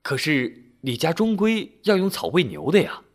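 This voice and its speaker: A man's voice: on the high side, huge pitch swings, normal speed, voice pushed up. A man storyteller voicing a cautious, anxious middle-aged village man who hesitates and trails off. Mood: pleading.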